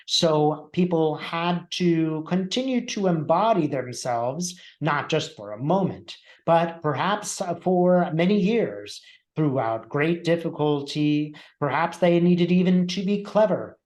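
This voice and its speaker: A man channeling a measured, oracular spirit teacher, echoey room. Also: fairly high pitch, a little mellow, lo-fi sound. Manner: measured, formal, oracular phrasing with deliberate pauses. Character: calm, wise spirit collective of Buddhist teachers. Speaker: channeler speaking as a spirit collective. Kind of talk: trance-channeled spiritual teaching, seance medium.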